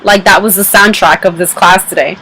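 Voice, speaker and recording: A woman's voice: on the low side, fairly even intonation, brisk, sharp tone, slight background noise, low-quality recording. A woman in her twenties ranting casually to camera in her bedroom, exasperated and profane, rambling with fillers. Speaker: vlogger.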